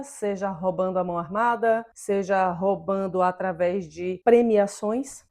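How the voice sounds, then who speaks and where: A woman's voice: medium pitch, dark tone. A woman co-hosting an opinion talk show, speaking emphatically and indignantly and firing off rhetorical questions. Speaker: podcast co-host.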